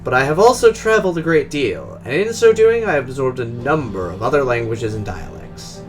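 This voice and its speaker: Voicing a reserved, polished Russian drone engineer, a man talks in a formal, careful, exact manner with a Russian accent. His mid-range delivery has big pitch swings and plays over music.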